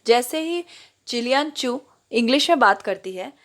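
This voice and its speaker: A woman teacher who reads a story aloud slowly, a line at a time, then explains each part and repeats words to show how they are said. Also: a little high, lively intonation.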